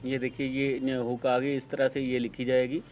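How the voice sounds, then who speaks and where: A man with a Pakistani accent teaching shorthand, explaining step by step with many pauses. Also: medium pitch, monotone, darkish tone, faint music behind. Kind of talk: screen-recorded tutorial explanation. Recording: dull lo-fi sound with faint noise.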